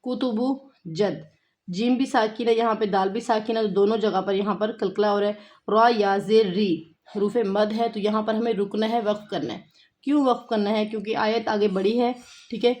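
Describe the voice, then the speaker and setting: A woman teaching a tajweed lesson, explaining rules and slowly repeating words to show how they are pronounced. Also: medium pitch, fairly even intonation, a little mellow. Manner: patient, repeats words slowly to demonstrate pronunciation. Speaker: Quran recitation teacher.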